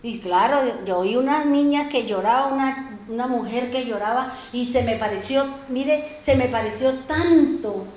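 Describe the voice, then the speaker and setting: High-voiced woman pastor preaching. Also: echoey room. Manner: lively storytelling preaching, acts out voices. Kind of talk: sermon. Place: church.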